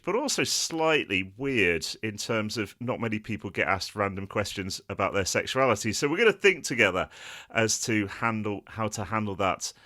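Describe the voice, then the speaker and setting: Guy hosting a chatty podcast, lowish voice but bright, lots of uhs, video call. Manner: friendly, frequent "uh" fillers. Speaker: podcast host. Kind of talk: casual podcast chat.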